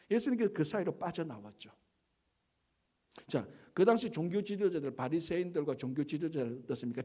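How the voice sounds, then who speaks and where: Preaching man with a lively pitch. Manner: emphatic preaching with rhetorical questions, slowing for stress. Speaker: pastor. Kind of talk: sermon. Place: church sanctuary.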